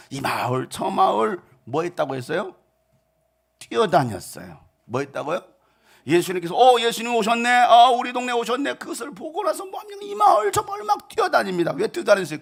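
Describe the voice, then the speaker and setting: A middle-aged male pastor giving an animated storytelling sermon, swinging from shouts to hushed asides. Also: on the high side, vocal fry, husky.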